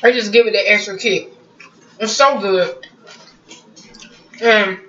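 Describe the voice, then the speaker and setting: A woman's voice: mid-range voice, slow, fairly bright tone, slight background noise. A woman, chatting to her viewers while eating at home, humming over each bite. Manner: chatty, talks to viewers as y'all, savoring bites with hums. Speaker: cooking vlogger. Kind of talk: casual cooking vlog chat. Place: home kitchen. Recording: roomy, distant, muffled home recording.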